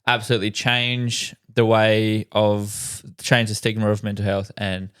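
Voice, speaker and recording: Laid-back low-voiced man hosting a podcast. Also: flat delivery, unhurried, a bit bright, clear, resonant tone. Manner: laid-back, swears often, laughs easily. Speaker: podcast co-host. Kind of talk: casual podcast chat.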